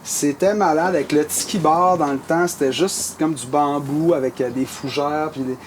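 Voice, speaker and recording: A man with a Québécois French accent tells a story in relaxed conversation. His voice sits high, and he rambles with plenty of fillers and restarts. A faint ambient hum runs underneath. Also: moderate pace. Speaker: musician telling a story. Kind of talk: casual storytelling chat.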